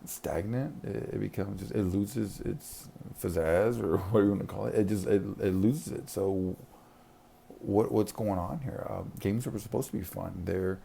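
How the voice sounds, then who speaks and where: This man, a school counselor, has a lowish, mellow voice with vocal fry and speaks at a measured pace, with a little hiss or hum audible. His casual monologue rambles, full of restarts and short laughs between points.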